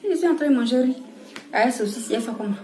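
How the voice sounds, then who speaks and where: A woman with an Ivorian French accent, talking casually and scolding with animated laughs. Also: a little high, very fast, echoey room, background noise. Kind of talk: casual monologue to camera.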